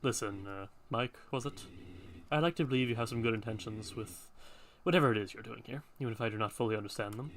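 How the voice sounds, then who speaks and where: A man voicing a stern company veteran in a video game, speaking formally and with measured, ominous caution. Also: lowish voice, a little hiss or hum, close to an everyday voice. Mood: guarded, polite. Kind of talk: video game cutscene acting.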